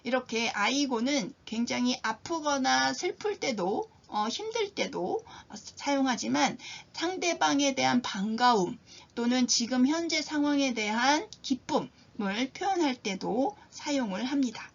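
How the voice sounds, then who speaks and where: A woman teaching a language lesson, explaining calmly and acting out sample exclamations with lively emphasis. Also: sits high, a little slow, gravelly, highs cut off.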